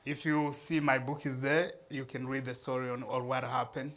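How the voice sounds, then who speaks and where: Addressing a live audience at an event, a charity founder from eastern DRC speaks earnestly at a moderate pace, laughing frequently and starting phrases over. His mid-range voice is fairly bright but delivered flatly.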